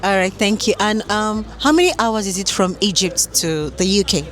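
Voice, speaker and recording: A woman's voice: mid-range voice, normal speed, a bit bright. A woman interviewing passers-by on a city street, upbeat with short prompts.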